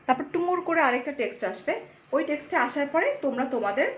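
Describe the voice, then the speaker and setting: A woman, chatting casually on a live stream and selling clothes, slipping English into her talk, her voice going a little hoarse. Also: high voice, animated, fast. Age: 20s. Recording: echoey room, faint background noise.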